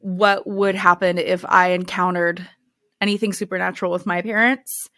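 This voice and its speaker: A woman co-hosting a podcast, responding in a thoughtful, measured casual chat. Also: fairly low pitch, little pitch movement, bright, forceful tone. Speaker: podcast co-host.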